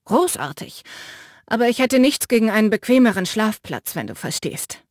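A cocky young prisoner, played by a woman drawls his jokes slowly and grins through every line. He mocks everyone with theatrical flair. Close, dry recording. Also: sits high, sing-song, dry recording. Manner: teasing, theatrical, flippant. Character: cocky grinning young man, mocking joker.

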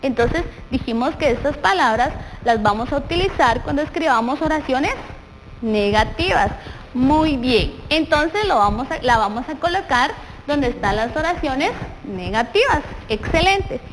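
A woman's voice: sits high, lively intonation, a little slow. A young woman with a Guatemalan Spanish accent teaching a primary school class on television, encouraging the children and answering her own questions. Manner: encouraging, asks questions and answers them herself. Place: TV studio set with a desk. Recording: long reverb, faint background noise.

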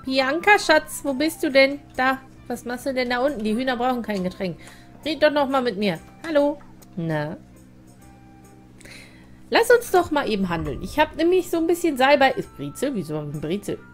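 Rich: A German woman hosting a let's play, chatty and playful as she talks to the characters. Her slightly high voice rises and falls a lot, with faint game music underneath. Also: big pitch swings, normal speed. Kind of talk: casual gameplay commentary.

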